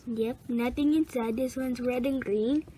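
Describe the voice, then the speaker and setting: High-pitched lady slowly chatting thru bath toys for kids, goofy bloop noises, bit of faint noise behind. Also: fairly even intonation. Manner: playful, makes bloop and quack sounds. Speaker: toy video host. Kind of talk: casual toy play narration for kids.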